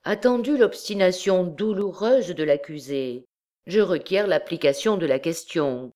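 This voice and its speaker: A woman reading aloud voices a royal prosecutor who speaks with false gentleness. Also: on the low side, expressive, measured pace, pitched above the performer's own voice. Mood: gentle. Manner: soft, smooth.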